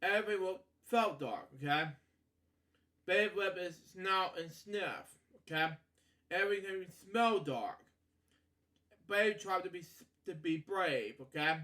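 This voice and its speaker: The man reading this children's story has a high, bright, forceful voice, but his delivery is halting: he trips over words and repeats himself. Rambling asides and frequent catchphrases like "okay" and "you know" fill the gaps.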